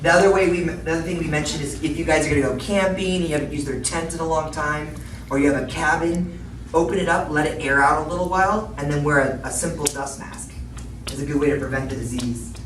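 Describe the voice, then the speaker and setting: A woman's voice: sits low, fast. Woman, middle-aged, health educator explaining to kids, question-led and simple; roomy, noisy, off-mic recording. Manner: explaining to a child in simple words, prompting with questions. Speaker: public health educator presenting to children. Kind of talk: interactive educational talk, explaining to children. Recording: echoey room, distant mic, noisy background.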